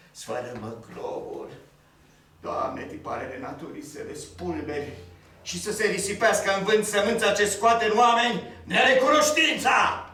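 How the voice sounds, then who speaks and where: Man acting an old king raging at a storm. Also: a little high. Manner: declaiming, shouting, theatrical. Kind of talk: live stage acting. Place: theatre stage. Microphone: distant room mic. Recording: echoey hall from far off.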